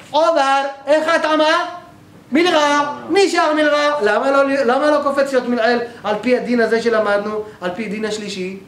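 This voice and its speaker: Male teacher, high-pitched, lectures methodically and keeps checking in with students; roomy, echoey sound with faint noise behind. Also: a bit bright. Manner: explains step by step, often checks with the class. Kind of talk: grammar class lecture. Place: synagogue hall.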